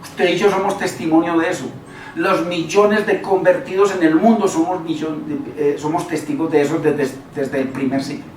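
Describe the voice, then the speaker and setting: A man's voice: fairly high pitch, fairly even intonation, normal speed, a little mellow. A man preaching a sermon in a conversational way, repeating words and putting rhetorical questions to the listeners. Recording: echoey room, voice from far off, faint noise.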